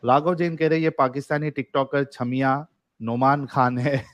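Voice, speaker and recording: A man's voice: medium pitch, steady tone, moderate pace, fairly bright tone, no room sound. A man hosting a livestream debate show. He reads viewer messages aloud in a casual, joking way and laughs often. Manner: jokey, laughs often while reading comments.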